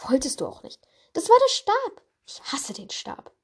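A woman voicing a fussy old male wand maker, often in a hushed, whispery tone. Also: extremely high pitch, wildly swooping pitch, moderate pace, pitched above the performer's own voice, heavily acted.

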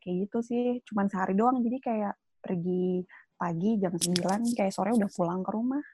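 A woman's voice: medium pitch, normal speed, dark tone, husky, no echo. A young woman chatting casually in informal slang. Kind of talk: casual chat.

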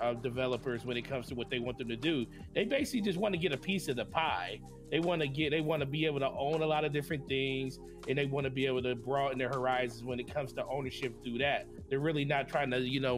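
Male co-host, mid-range voice, thoughtful and rambling, with music playing clearly behind him. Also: medium pitch. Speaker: podcast co-host. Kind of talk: casual podcast discussion.

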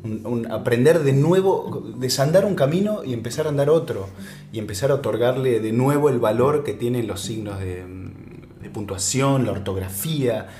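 A man in his thirties with an Argentine accent, a voice actor talking in a relaxed interview, reflective and often restarting his sentences. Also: medium pitch. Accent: Argentine Spanish. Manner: reflective, halting with many restarts. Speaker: voice actor guest. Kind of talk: casual interview chat. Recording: echoey room with faint music.

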